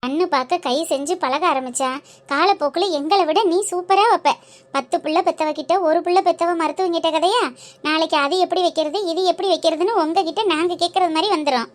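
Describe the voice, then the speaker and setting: A woman voicing a homely middle-aged mother in a family cartoon, giving calm, matter-of-fact advice. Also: very high voice, a little fast. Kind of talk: cartoon voice acting.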